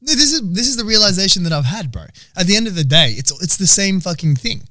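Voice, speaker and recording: A man's voice: high voice, big pitch swings, quick pace, pushed and bright, dry recording, studio quality. A young Australian man co-hosting a podcast in casual, crude banter, swearing and laughing often. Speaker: podcast co-host.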